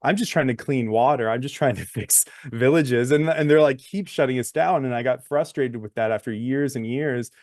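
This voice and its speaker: A man's voice: mid-range voice, normal speed, few pauses, darkish tone, no room sound, studio quality. A man in his thirties, a guest on a talk show, telling his story in a chatty way and laughing between phrases. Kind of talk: interview conversation.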